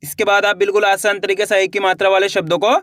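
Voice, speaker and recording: High-voiced man slowly teaching Hindi reading. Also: level tone, fairly bright tone, no room sound, studio quality. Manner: drawn-out, careful letter-by-letter pronunciation; addresses viewers as friends, encouraging. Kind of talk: slow syllable-by-syllable reading lesson.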